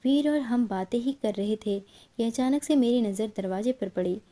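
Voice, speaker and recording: A woman's voice: a little high, normal speed, mellow. A woman narrating an emotional family story in the first person, in an earnest way.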